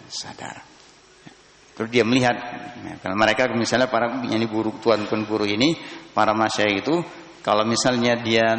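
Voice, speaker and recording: A man's voice: medium pitch, a bit bright. Man, Indonesian accent, religious lesson, reads Arabic then explains casually, roomy hall sound, long ringing reverb. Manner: reads Arabic text aloud, then explains it in plain, repeating words; loose and conversational, with fillers and restarts. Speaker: Islamic teacher. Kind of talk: religious study lecture. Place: study gathering hall.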